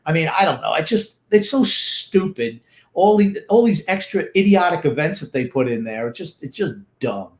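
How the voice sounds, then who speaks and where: A man's voice: sits high, very animated, moderate pace, a little mellow. Grumpy older man in an echoey room. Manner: grumpy, blunt, dismissive opinions. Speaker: co-host. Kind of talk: casual sports talk.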